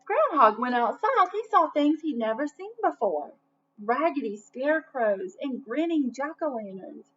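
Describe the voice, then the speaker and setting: A high-voiced woman, speaking a bit slowly, gives an expressive read-aloud of a children's storybook in a manner meant for young listeners. She interrupts the story with asides and questions for them, captured in dull, lo-fi audio with faint noise.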